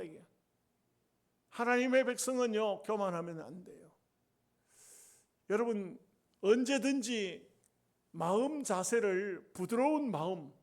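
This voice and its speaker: A male pastor, preaching a sermon with emphatic, drawn-out phrases and folksy humorous asides. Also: high-pitched.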